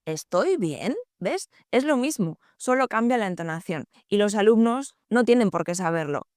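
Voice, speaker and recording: A young adult woman, a Spanish teacher, explaining calmly and clearly to camera, stressing key words. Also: mid-range voice, normal speed, dry recording, studio quality. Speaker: Spanish teacher, channel host.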